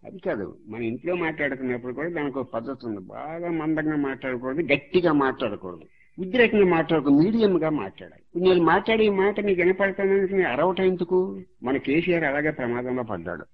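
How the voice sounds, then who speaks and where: A man's voice: a little high, lively intonation, fast talker, phone-quality sound. A man giving a religious discourse as a spiritual teacher, moralizing and repeating each point to drive it home.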